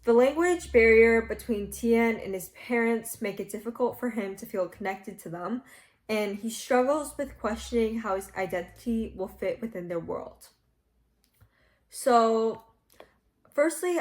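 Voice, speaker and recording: A young woman hosting a casual book review vlog from her bed at home, chatty and laughing at her own slips. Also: mid-range voice. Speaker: book vlogger.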